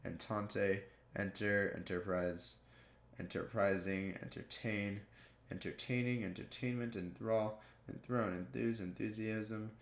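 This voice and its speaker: Gravelly man reading a word list. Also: lowish voice, a little slow. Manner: steady word-by-word listing with frequent restarts. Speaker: video creator. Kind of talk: reading dictionary words aloud. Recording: echoey room.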